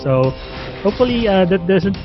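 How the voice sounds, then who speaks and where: A man calls an esports match live in a higher-pitched voice, with plenty of fillers as he explains the play. The stream audio is dull and lo-fi. Loud game music runs behind him throughout. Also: lively intonation, moderate pace. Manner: conversational, with frequent fillers. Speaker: esports caster.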